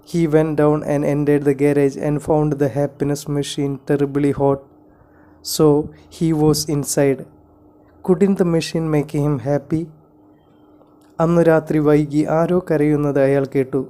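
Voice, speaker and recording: A man reads a story aloud, very slowly and with care. His voice is smooth and clear, mellow and dark, and sits a little high. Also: flat delivery. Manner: slow, careful reading, each line in English then Malayalam. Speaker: teacher reading a story. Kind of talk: bilingual storybook narration.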